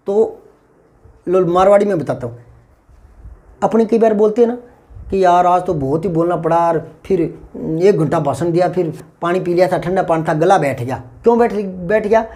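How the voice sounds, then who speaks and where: A man's voice: sits high, a little mellow. A man teaching grammar in an exam-prep lesson. He explains patiently, repeats key terms and asks rhetorical questions.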